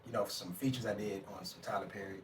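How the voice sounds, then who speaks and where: Fast-talking man guest, distant mic. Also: on the low side, steady tone, slight background noise. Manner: fast, emphatic, repeats himself. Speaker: actor and radio personality guest. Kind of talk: casual interview chat.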